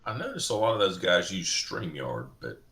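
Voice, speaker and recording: Low, gravelly man. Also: wildly swooping pitch, normal speed, sharp tone. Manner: laid-back, brief replies. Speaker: guest, ham radio operator. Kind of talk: casual chat.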